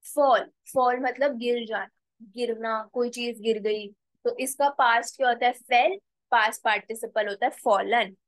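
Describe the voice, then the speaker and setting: A woman teaching a spoken language lesson, slowly repeating words and spelling them out letter by letter. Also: on the high side, fairly even intonation, no room sound, poor audio. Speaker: English teacher.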